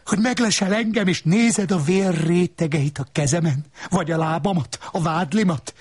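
Man doing a sharp-tongued woman, high and mocking, needling questions, read-aloud story. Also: breathy edge. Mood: taunting. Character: scornful taunting woman, sharp-tongued wife. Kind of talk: literary reading.

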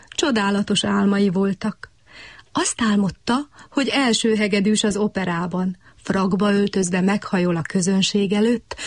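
A woman telling a radio bedtime story to children, expressive and storytelling. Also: mid-range voice, dry recording.

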